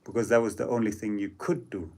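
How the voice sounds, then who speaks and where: A man who grew up in Zambia, a musician guest telling stories in a casual interview, reflective and pausing often with fillers. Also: lowish voice, steady tone, vocal fry, a little mellow. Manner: reflective, hesitant with many fillers.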